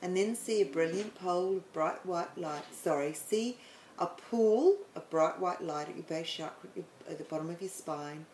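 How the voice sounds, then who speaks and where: A woman explaining the planets in a chatty way, then leading a guided meditation with slow, soothing instructions and some stumbles. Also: lowish voice, darkish tone, echoey room, a little hiss or hum, low-quality recording. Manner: chatty, apologetic, stumbles over words.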